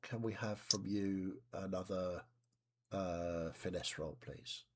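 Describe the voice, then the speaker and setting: A very noisy voice-chat recording from a live stream captures a man game-mastering a tabletop game. His low voice stays steady as he describes each scene with measured detail and asides, then asks his players what they do.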